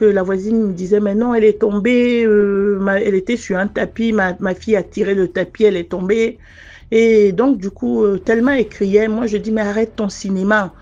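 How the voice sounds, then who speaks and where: A woman recounts her own experience in an unscripted, conversational way at a medium pitch. She is earnest and a little hesitant, often pausing and restarting her sentences as she goes. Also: a little mellow, dull audio. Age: adult mother. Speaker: listener sharing a personal testimony. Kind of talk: casual first-person storytelling.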